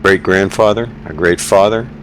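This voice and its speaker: An older man giving a heartfelt, halting eulogy over game voice chat, often restarting his sentences. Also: sits low, a little hiss or hum. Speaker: eulogist in an online game memorial.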